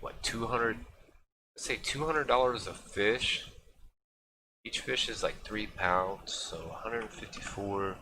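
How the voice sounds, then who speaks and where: Low-voiced guy streaming a game, rambles a lot with ums, steady noise underneath. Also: low-quality recording. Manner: rambling, filler-heavy, thinking aloud. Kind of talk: casual live-stream gameplay commentary.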